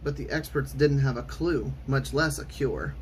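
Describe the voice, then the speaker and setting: A man reading a children's storybook aloud in an expressive, theatrical way with clear enunciation. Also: mid-range voice, moderate pace, a little hiss or hum. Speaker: storytime reader.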